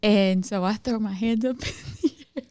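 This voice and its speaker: A woman's voice: mid-range voice, moderate pace, warm tone, dry recording. A woman, co-hosting a casual podcast and telling stories playfully, laughing through her words. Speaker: podcast co-host. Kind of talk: casual chat.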